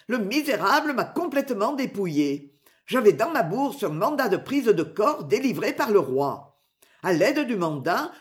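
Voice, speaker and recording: A reader voicing an angry, blustering middle-aged tinker who has been robbed, in an audiobook. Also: mid-range voice. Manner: loud, blustering, complaining. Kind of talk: audiobook character voice.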